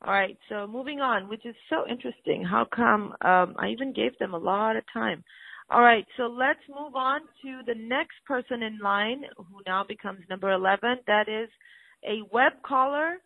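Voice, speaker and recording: A woman's voice: fairly high pitch, moderate pace, gravelly, no room sound. A woman hosting a spiritual call-in show, speaking affectionately to callers and calling them honey and sweetheart. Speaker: host taking callers. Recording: tinny phone-like line.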